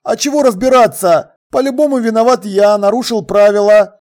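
An audiobook reader voicing a flustered young man in trouble, defensive and hurried. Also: mid-range voice, darkish tone, close to an everyday voice. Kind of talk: audiobook dialogue.

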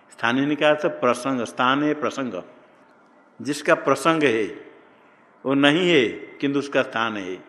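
A man teaching Sanskrit grammar in a slow classroom lecture, posing questions and answering them himself. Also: mid-range voice, pushed and bright. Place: ashram classroom. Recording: long hall reverb.

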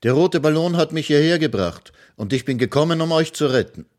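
Storybook little boy hero, eager, raised pitch, man reading it. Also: animated, brisk, darkish tone, lightly acted. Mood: triumphant. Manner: eager, proclaiming. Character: brave little boy rescuer, cheerful.

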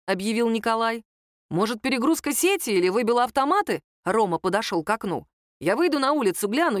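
Lively woman reading a story aloud. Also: mid-range voice, dry recording, clean studio sound. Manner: shifts voice up for quoted characters. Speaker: audiobook narrator. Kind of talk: expressive audiobook narration.

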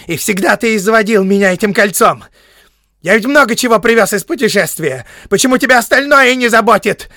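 A man reading an audiobook, voicing a fretful old male hobbit whose voice turns shrill and whining as he clings to his treasure. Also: animated, fairly quick, bright, forceful tone, no echo, clean studio sound, exaggerated voice. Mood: shrill, possessive. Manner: shrill, whining, sobbing outbursts. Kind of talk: audiobook character voice.

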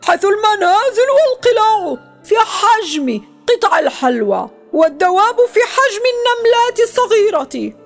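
A woman's voice: very high-pitched, very animated, normal speed, few pauses, soft background music, voice pushed up, full character voice. A woman voicing a cunning male jinn in a storybook reading, with a crafty, bargaining manner. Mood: enticing. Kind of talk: storybook voice acting.

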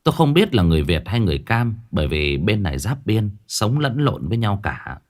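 A man narrating a first-person story in a gruff, dramatic way. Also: on the low side, very animated, fairly quick. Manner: gruff and dramatic, acting out his own shouted lines.

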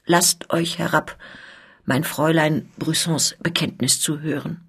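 A woman voicing a formal, persuasive male police officer in a dramatic reading, her voice husky. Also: low-pitched, steady tone, measured pace, exaggerated voice. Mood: urgent.

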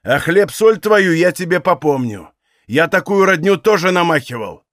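A man reading aloud, voicing a furious, menacing young Cossack who threatens loudly. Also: a little high, big pitch swings, moderate pace, no room sound, studio quality. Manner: loud, threatening, snarling.

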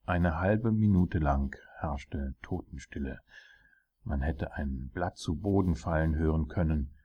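Deep, husky man narrating a dark tale. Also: dull audio. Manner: measured, grave storytelling. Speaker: audiobook narrator. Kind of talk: dramatic audiobook narration.

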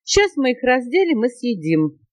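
An eager, mischievous little monkey girl from a children's storybook, as a woman puts her on. She squeals high and bounces her pitch about, drawing out words with delight. The recording is close and dry. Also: very animated, normal speed, darkish tone, no echo. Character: cheeky excitable female monkey.

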